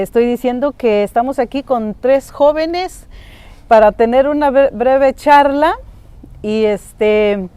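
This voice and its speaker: A woman from Oaxaca hosting a community podcast, interviewing guests in an unhurried way with frequent fillers. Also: on the high side, clean tone, no echo. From San Juan Mixtepec, Oaxaca, Mexico. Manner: warm, unhurried, with fillers like "este" and "pues". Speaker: podcast host.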